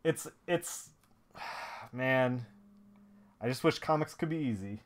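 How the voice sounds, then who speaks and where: A man's voice: medium pitch, slow pace. A man hosting a live stream, chatting casually in a rambling way with many restarts and filler words. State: watery eyes, sniffly. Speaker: streamer and comic colorist host.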